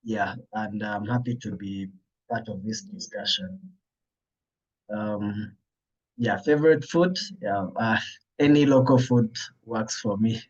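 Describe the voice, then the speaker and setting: A man with an East African accent speaking haltingly and hesitantly in an unscripted panel discussion on a video call. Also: lowish voice, darkish tone. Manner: halting, hesitant delivery with frequent long pauses. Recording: dull lo-fi online call audio.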